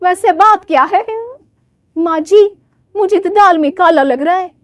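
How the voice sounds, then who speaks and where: A woman's voice: extremely high pitch, unhurried, no echo, clean studio sound. Prying elder sister-in-law, a woman putting her on, suspicious.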